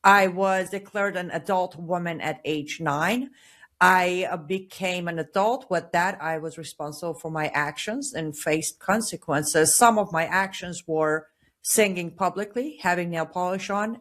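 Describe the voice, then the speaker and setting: Female guest from Iran, slightly low voice, measured and earnest. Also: a bit bright. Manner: measured, earnest personal account. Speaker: guest author. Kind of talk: interview answers.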